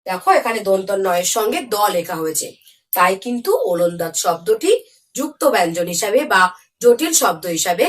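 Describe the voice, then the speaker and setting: A woman's voice: mid-range voice, distant mic. A woman from India teaching children to spell, patiently sounding out words letter by letter and checking that they understood.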